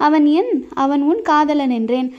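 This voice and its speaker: A brash young warrior, boastful and teasing, full of mock-dramatic cries, as a woman reads him out. The voice sits high and mellow, and the recording is dull and lo-fi. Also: expressive, moderate pace. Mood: needling.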